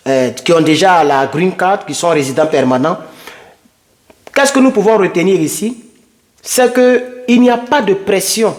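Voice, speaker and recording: Chatty man, higher voice. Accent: non-native English, French-speaking. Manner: switches between English and French, addresses viewers directly, rambling. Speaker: immigration news vlogger. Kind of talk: casual informal vlog. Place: home, at his computer. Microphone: computer microphone.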